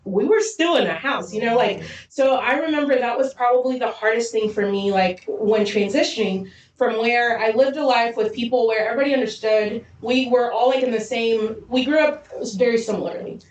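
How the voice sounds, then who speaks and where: Fast-talking woman from Zambia, echoey room. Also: a little high, dull audio. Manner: fast, lively storytelling with frequent laughs. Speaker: podcast co-host. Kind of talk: casual chat. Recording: roomy echo, distant mic.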